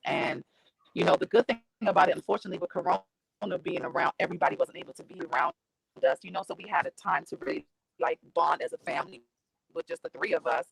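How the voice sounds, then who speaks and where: Gravelly-voiced woman guest on a call. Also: fairly low pitch, big pitch swings, fast talker, poor audio. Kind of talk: casual online chat. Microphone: video call.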